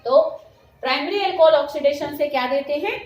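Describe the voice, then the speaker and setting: Woman chemistry teacher, high voice, echoey classroom, keeps checking the class follows. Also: fairly quick, dull audio. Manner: checks understanding often, calls students "beta". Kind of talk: classroom lecture mixing Hindi and English terms. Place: classroom with students answering. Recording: echoey room with faint noise.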